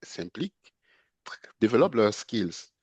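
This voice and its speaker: A man hosting a casual interview, chatty and quick to laugh, halting with fillers. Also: on the low side, sing-song, darkish tone, slightly rough, dry recording. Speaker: host. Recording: dull, dry lo-fi sound.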